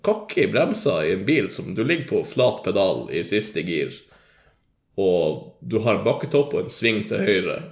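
A young man spins an excitable, swear-filled story with a lot of laughter. His fairly low voice is gravelly and swings up and down in pitch. The room around him sounds echoey. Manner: profane, excitable, laughs often, frequent fillers. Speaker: guest telling a story. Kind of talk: casual storytelling chat. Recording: roomy echo.

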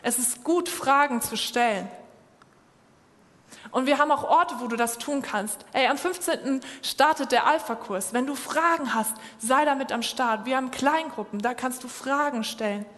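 A woman's voice: sits high, moderate pace, a bit bright. Woman preaching in a reverberant hall. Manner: direct, encouraging address to listeners. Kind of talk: sermon.

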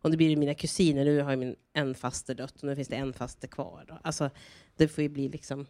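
A woman, an actor on a post-show panel, speaking in a relaxed, matter-of-fact way. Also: rumbling low, dry recording. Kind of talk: casual post-show conversation.

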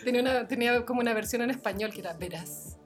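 A woman's voice: on the high side, very fast, soft background music. A woman with a Chilean accent co-hosting a podcast, chatting casually with lots of slang and frequent laughter. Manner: laughing often, slangy and playful. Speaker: podcast co-host. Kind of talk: casual chat.

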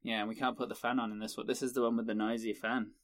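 A man's voice: medium pitch, flat delivery, quick pace, dry recording. A man co-hosting a casual podcast, joking and wry as he riffs, in a tiny sound booth. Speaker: podcast co-host.

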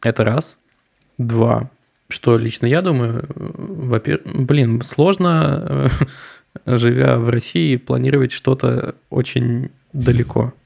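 A young man co-hosting a podcast, speaking loosely and wryly with a touch of sarcasm. His voice has a heavy gravelly fry throughout. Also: medium pitch, slow pace, darkish tone. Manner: wry, slightly sarcastic, loose and joking. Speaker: podcast co-host. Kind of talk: casual discussion.

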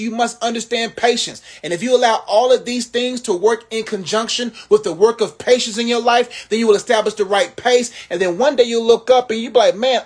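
In a live social media Q&A, a man with a very high-pitched voice preaches to and motivates his viewers. He addresses them like family, speaking in a rhythmic, sermon-like way.

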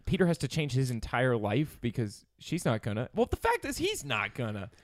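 Brief: mid-pitched man, sarcastic podcast co-host, dry close mic. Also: moderate pace, no echo. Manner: sarcastic, animated banter. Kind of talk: casual chat.

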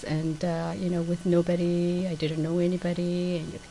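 A woman's voice: lowish voice, level tone, moderate pace, mellow, a little hiss or hum, poor audio. A middle-aged woman from Somalia, a community nurse, talking hesitantly with many fillers in a radio interview.

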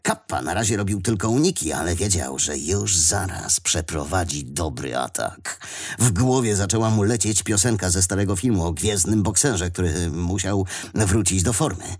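A man reading a children's adventure story aloud as the narrator, with expressive storytelling. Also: deep voice, moderate pace. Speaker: audiobook narrator.

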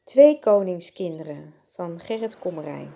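A woman reciting a poem in a measured way. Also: lowish voice, animated, creaky, noisy background. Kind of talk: poetry reading.

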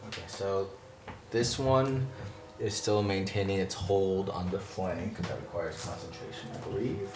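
Man running a tabletop game, roomy sound. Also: sits low. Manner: relaxed, halting narration with fillers. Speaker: game master. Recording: roomy, distant mic, faint noise.

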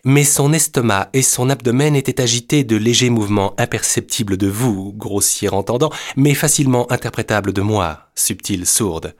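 A man reading aloud, voicing a young deaf-mute woman who explains herself in a crisp, slightly haughty way. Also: mid-range voice, normal speed, few pauses, lightly acted. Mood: dry, composed. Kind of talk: storybook reading.

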